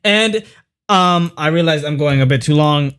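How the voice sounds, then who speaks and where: A man's voice: on the high side, normal speed, a bit bright. A man hosting a reaction channel, musing aloud in a loose, rambling way with fillers and the odd swear word. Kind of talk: casual reaction commentary.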